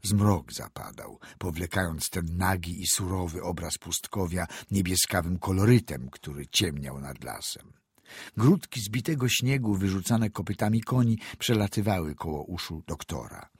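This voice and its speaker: A man narrating classic prose as an audiobook reader, measured and descriptive. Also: sits low, animated, breathy edge, no room sound, studio quality.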